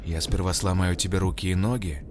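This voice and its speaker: A man voicing a huge mutated man turned monster, slow and growling. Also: low voice, fairly even intonation, noisy background, lightly acted. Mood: menacing.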